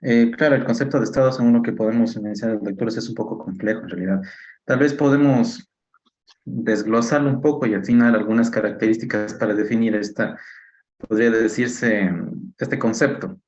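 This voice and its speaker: A man, a student answering the teacher's question in an online class, talking in a measured, hedging way with many fillers. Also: fairly low pitch, fairly even intonation, darkish tone. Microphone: video call. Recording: roomy, dull video call audio.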